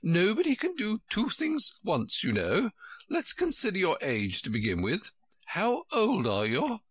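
Dotty elderly queen for a storybook, played by a man: piercingly high, bright, bossy and easily flustered. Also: huge pitch swings, husky, no echo, heavily acted. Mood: decisive, bossy. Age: older. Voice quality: shrill, squeaky, bleating. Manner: exclamatory, insistent, drawn-out delivery.

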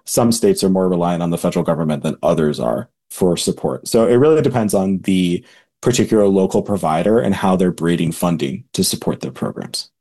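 Low mellow male policy analyst. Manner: measured, precise. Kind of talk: interview answers.

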